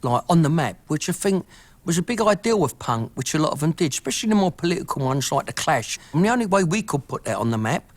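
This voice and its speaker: A man's voice: on the high side, sing-song, quick pace. A middle-aged Cockney man recalling his youth in a documentary interview, brash and full of swearing. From East London. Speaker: band member interviewee.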